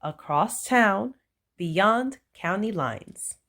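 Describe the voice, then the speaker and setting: Reading a children's picture book aloud, a woman takes an unhurried storytelling approach, her medium-pitched voice animated. She swoops up and down, giving the punchlines playful emphasis. Her pace remains gentle and deliberate from start to finish.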